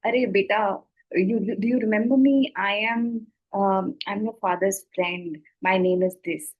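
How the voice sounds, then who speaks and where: A woman's voice: mid-range voice, steady tone, unhurried, muffled recording, lightly acted. A woman with an Indian accent voicing an insistent, falsely familiar male phone scammer in an anecdote during a talk. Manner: pushy, over-familiar.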